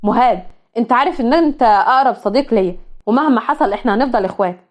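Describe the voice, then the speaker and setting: A woman's voice: fairly high pitch, expressive, quick pace, highs cut off, natural voice. A woman with an Egyptian accent voicing an unfaithful young man who is fed up and dismissive. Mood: defensive. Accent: Egyptian Arabic. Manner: defensive, dismissive.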